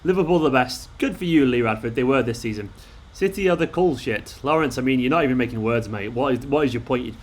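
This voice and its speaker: A man at a middle pitch, running a casual live stream from home near midnight. He talks in an excitable, jokey way, greeting viewers and firing back at their comments. Underneath the enthusiasm he sounds worn out. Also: fast talker, few pauses. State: tired. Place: at home late at night.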